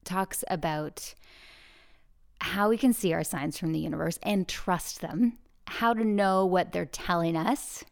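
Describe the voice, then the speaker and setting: A woman's voice: lowish voice, a little slow, gravelly. Chatty podcast lady recording in a giant echoey room, bouncy jokey delivery. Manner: chatty and bubbly, jokey asides. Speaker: podcast host. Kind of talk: casual podcast chat. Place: huge high-ceilinged echoey room, alone. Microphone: portable travel microphone.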